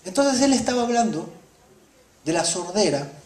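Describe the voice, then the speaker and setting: A woman preaches, her voice rising and falling widely between ringing exclamations and hushed asides. She questions the congregation as she goes. The sound carries the echo of a roomy church hall. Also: medium pitch, animated, moderate pace. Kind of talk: sermon.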